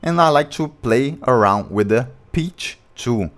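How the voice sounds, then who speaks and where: A man with a low voice speaks expressively and a little slowly, plainly guiding viewers through a beatmaking tutorial with slightly non-native grammar. It's a casual screen recording, with a beat playing in the background.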